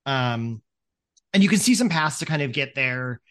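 A man's voice: mid-range voice, expressive, normal speed, fairly bright tone. A man running a tabletop game as game master, narrating in a rambling way, full of "like" and "um". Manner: rambling, many "like" and "um" fillers.

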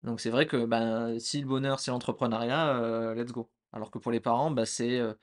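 A young man co-hosting a casual chat podcast, relaxed and hesitant, with many fillers. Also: mid-range voice, moderate pace. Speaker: podcast co-host.

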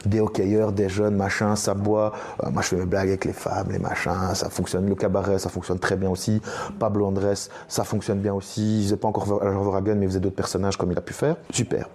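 A young male comedian talks quickly in a low, dark voice and tells stage anecdotes in a relaxed podcast conversation. He slips into other people's voices as he retells their lines. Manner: lively storyteller who acts out other people's lines. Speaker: stand-up comedian guest.

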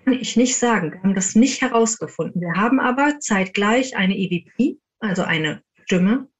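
Animated and at normal speed, a woman with a medium-pitched voice tells casual anecdotes as a guest paranormal investigator, acting out the dialogue she quotes. The audio sounds dull.

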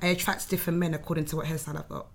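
A woman's voice: low voice, level tone, very fast, creaky. A woman with a London accent in casual chat, emphatic and slangy, often repeating her phrases.

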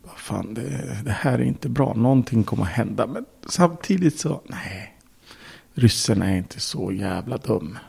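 A man's voice: medium pitch, animated, darkish tone. A man, a podcast guest, telling a story in casual speech, bluntly, with swearing and acted-out quotes. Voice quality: gravelly, husky.

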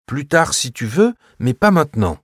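A man voicing an eager, quick-tempered young girl in a storybook reading, switching to a bright, excitable voice. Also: slight background noise, lightly acted. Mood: pleading. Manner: bright, excitable, shrill when angry.

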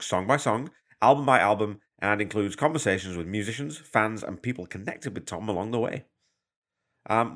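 A Canadian man hosts a casual podcast monologue from a hotel room using a portable mic, a bit congested with a cold. His voice is on the low side and a bit bright, and he's chatty and self-deprecating while patiently explaining things.

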